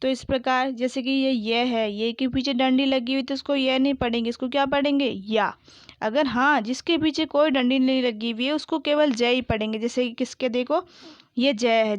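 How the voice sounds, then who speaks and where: A woman teacher with a smooth, fairly high voice reads words aloud very slowly, one at a time, and then explains them in a patient, questioning way. The sound is dry and close, a little dull and lo-fi. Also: fairly even intonation, dry recording. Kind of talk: slow word-by-word reading lesson.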